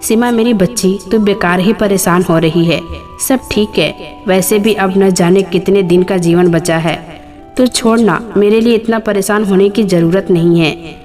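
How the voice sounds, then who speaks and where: A woman voicing a frail, gentle old widowed mother who speaks softly. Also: medium pitch, natural voice.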